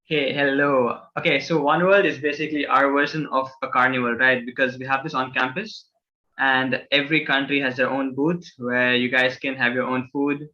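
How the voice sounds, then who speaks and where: A man's voice: medium pitch, little pitch movement, moderate pace, bright, forceful tone, highs cut off. A young man from a student association casually presenting campus events to new students, with many fillers and restarts.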